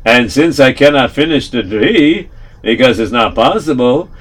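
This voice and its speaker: A man storyteller voicing a shrewd old rabbi who speaks gently and deliberately, mixing in Yiddish words. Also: medium pitch, animated. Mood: feigned regret. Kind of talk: storytelling with put-on voices.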